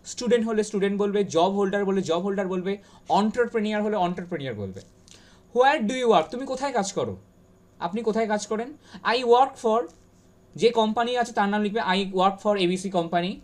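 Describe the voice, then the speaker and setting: A Bengali-accented woman teaching an online spoken-English class, repeating each word slowly and with emphasis. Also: medium pitch. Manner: drills pronunciation by repeating words slowly and emphatically.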